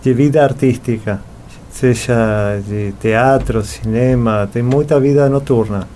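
Warm in tone and a little slow, the medium-pitched voice comes from a middle-aged Argentine from Buenos Aires, a native Spanish speaker with the local accent. He's the guest in a conversational interview, speaking as an artist and sculptor, with slight background noise.

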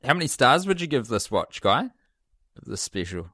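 A man's voice: medium pitch, sing-song, normal speed, sharp tone, dry recording, clean studio sound. A man co-hosting a podcast in casual chat, blunt and exasperated with a sardonic edge. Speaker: podcast co-host.

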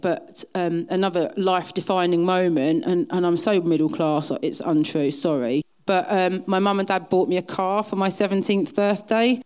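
A woman's voice: fairly low pitch, darkish tone, clean tone. A middle-aged woman with an Essex accent telling anecdotes in a chatty, self-deprecating way as an interview guest. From south-east England. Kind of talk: casual anecdotal chat.

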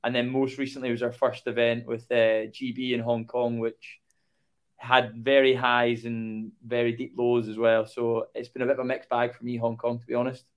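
A man's voice: medium pitch, flat delivery, moderate pace, smooth. A man from Ayr with a Scottish accent, answering casually as a rugby captain being interviewed. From Ayr, Scotland. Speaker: rugby sevens captain, podcast guest.

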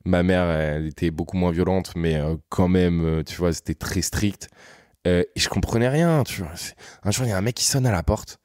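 A French man in his thirties, a podcast guest, telling his life story in a relaxed, slangy, rambling way. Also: low voice, normal speed, dry recording, clean studio sound. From France. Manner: rambling, slangy, frequent "tu vois" asides. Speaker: podcast guest, content creator. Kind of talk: casual storytelling conversation.

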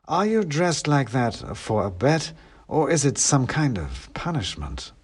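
A man voicing a sly, taunting giant male cat, speaking in a slow, throbbing, whispery voice as he reads an audiobook. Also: mid-range voice, very animated, breathy edge, pitched above the performer's own voice, full character voice. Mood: mocking. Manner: slow, drawn-out, mocking. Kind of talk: audiobook reading.

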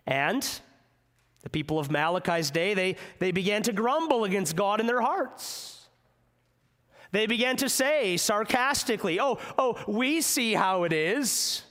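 A male pastor preaches slowly and deliberately, leaning on rhetorical questions. His voice sits high and swings widely in pitch. The sound carries the long reverb of a church sanctuary. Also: a bit bright. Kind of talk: sermon.

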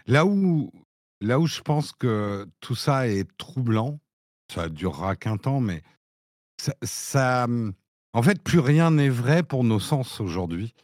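A man's voice: mid-range voice, expressive, slow, darkish tone, no echo. Reflective man, dry close sound. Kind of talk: casual chat.

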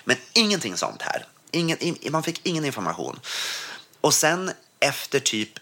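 Bright-voiced man telling a story. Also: mid-range voice, wildly swooping pitch, creaky. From Sweden. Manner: vivid, tumbling retelling full of restarts. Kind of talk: casual storytelling.

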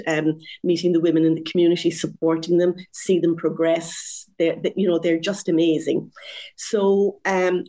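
In a lively, chatty interview, a guest in her 60s recounts her story, frequently laughing at her own expense. Her voice is on the low side.

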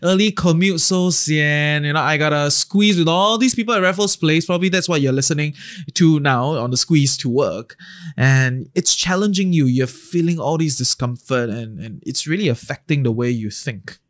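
A Singaporean man hosting a podcast, talking conversationally in an animated way with Singlish turns of phrase and frequent checking tags. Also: fairly high pitch, normal speed. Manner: animated, acts out imagined reactions, often tags points with "right?" and "okay?". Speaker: podcast host. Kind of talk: conversational podcast monologue with Singlish particles and slang.

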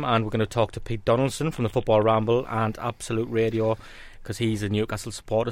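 A man's voice: fairly low pitch, no echo. A man hosting a football podcast in casual chat, with an informal, bantering manner.

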